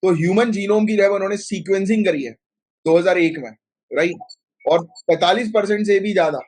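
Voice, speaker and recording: A man teaching a live online exam-prep class, speaking Hindi with a north Indian accent, mixing in English terms and asking students quick questions. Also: high-pitched, a little mellow. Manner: chatty, mixes Hindi with English terms, many fillers.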